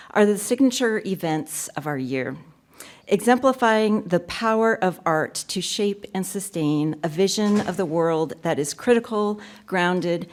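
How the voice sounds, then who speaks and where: A woman opening a university poetry reading, giving warm welcoming remarks and announcements into a podium mic. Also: on the low side. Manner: warm, gracious and upbeat, with filler ums. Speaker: event host introducing a poetry reading. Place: university lecture room.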